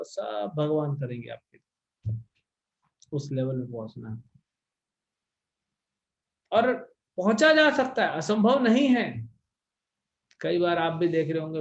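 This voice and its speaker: A man's voice: a little high, gravelly, warm tone. A man teaching a scripture lecture in a conversational way, often checking in with his listeners. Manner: conversational, checks in with rhetorical "hmm?". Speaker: spiritual teacher. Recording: dull lo-fi recording.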